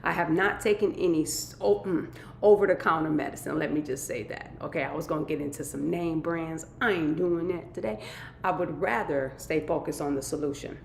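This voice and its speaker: A woman with a somewhat low, congested voice chats upbeat and casual through a live stream, leaning on catchphrases. She sounds a little nasal. The room is echoey, with a faint rumble underneath. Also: brisk, vocal fry. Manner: upbeat, chatty, repeats catchphrases. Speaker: vlogger hosting a weekly live stream.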